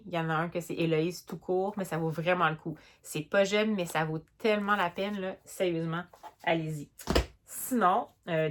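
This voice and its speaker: Young Québécois woman, book vlogger, chatty and animated, a little low-pitched. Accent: Québécois French. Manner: chatty, animated, many fillers and restarts. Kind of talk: casual book review vlog.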